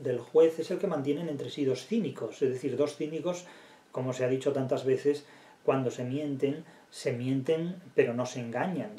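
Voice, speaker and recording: A man delivers an academic lecture on literature in a mellow, relaxed voice, stopping to read passages aloud before drifting into long digressions. He asks rhetorical questions and restarts his sentences as he thinks aloud. His voice echoes in the room around him. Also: medium pitch.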